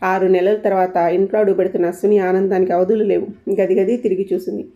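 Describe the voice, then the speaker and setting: Female narrator, calm steady storytelling; dark tone, dull lo-fi recording. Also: medium pitch, quick pace.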